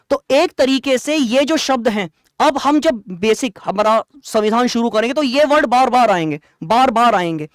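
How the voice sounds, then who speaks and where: A male teacher giving an online exam-prep lecture, explaining terms plainly and quizzing students with quick rhetorical questions. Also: extremely high pitch, dry recording, studio quality.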